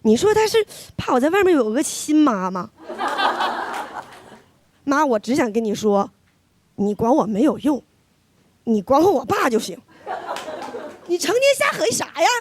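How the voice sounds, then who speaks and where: A woman's voice: a little high, sing-song, measured pace, long pauses, a little mellow, slight background noise. A woman performing a stand-up comedy set on stage, with a chatty, teasing, punchline-driven delivery. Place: stage before a live audience. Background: audience laughter.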